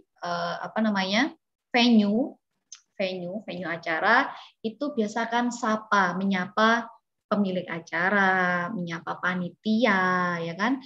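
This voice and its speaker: A woman's voice: mid-range voice, slow pace. A woman leads an online lesson on being a master of ceremonies. She explains in a loose, conversational way, full of fillers and questions to the class. Her voice comes through a muffled, lo-fi call connection. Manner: conversational teaching with many fillers and rhetorical questions. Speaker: MC skills trainer. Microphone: video call.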